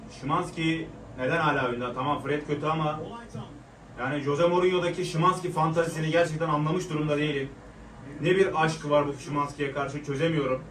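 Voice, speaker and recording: A young man giving live reaction commentary on a match, frustrated and swearing as he shouts at the players. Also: on the high side. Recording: echoey room, mic at a distance.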